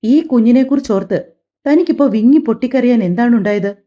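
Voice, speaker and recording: A woman's voice: a little high, animated, fairly quick, mellow, natural voice. Stern cold husband, read by a woman. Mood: angry. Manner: curt, firm, scolding. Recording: slightly dull lo-fi audio.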